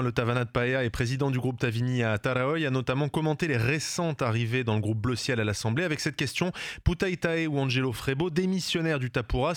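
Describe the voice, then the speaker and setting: A man's voice: medium pitch, no echo, studio quality. A man presenting a radio news bulletin, reporting in a breaking news delivery.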